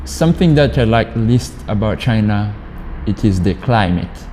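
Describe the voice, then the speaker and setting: Young rwandan guy, deep mellow voice, lots of uhs, echoey hall, a little hiss. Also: expressive. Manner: halting, with frequent pauses and fillers. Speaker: university student interviewee. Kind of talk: interview answers. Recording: reverberant space with faint noise.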